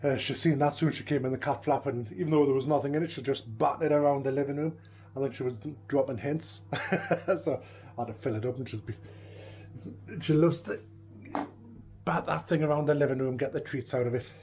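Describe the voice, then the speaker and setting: A man's voice: medium pitch, a little fast, darkish tone. A middle-aged man, chatting casually in a home video diary and often trailing off mid-sentence. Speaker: vlogger. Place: living room at home.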